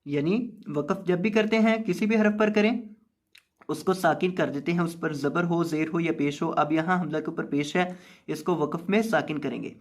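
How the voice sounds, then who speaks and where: A man teaching recitation word by word, explaining quickly and then drawing out each word slowly, closing with a melodic chanted recitation. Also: on the high side. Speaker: Quran teacher.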